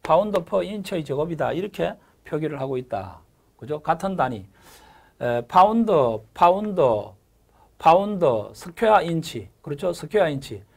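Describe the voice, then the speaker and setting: A middle-aged man giving a recorded exam-prep lecture, repeating key terms, filling pauses with a drawn-out "에" and checking in with "그죠?" after each point. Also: on the high side, expressive, gravelly. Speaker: lecturer for a gas engineering exam course.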